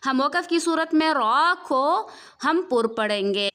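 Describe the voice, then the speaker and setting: Woman, Pakistani Urdu accent, high voice, patient recitation teacher, slow drawn-out practice words. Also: expressive, bright, forceful tone. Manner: patient, repeats and asks the listener questions.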